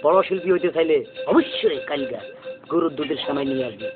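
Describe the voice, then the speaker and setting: A high-voiced man plays a bossy, food-greedy music teacher in a comedy skit. The sound is thin and phone-like, with loud music behind him. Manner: bossy, greedy, sings off-key in a drawn-out way. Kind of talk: comic skit acting. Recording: tinny lo-fi audio with loud music.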